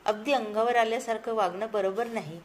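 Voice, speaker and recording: A woman voicing a young male photographer who speaks in a calm, advising way. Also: a little high, brisk, slight background noise, natural voice.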